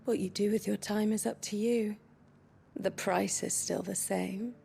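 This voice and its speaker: A woman's voice: medium pitch, steady tone, creaky, mellow, slight background noise. An actress playing a flirtatious, teasing woman who carries messages, in a video game, with a coy manner. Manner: slow and coy, with frequent laughs. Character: flirtatious, teasing female tavern messenger.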